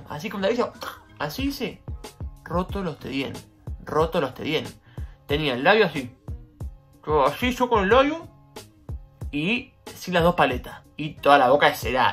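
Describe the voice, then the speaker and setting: A vlogger in his twenties with a Rioplatense Argentine Spanish accent shares a personal anecdote from home in a casual, slangy vlog. He's animated, and his pitch jumps as he tells the story.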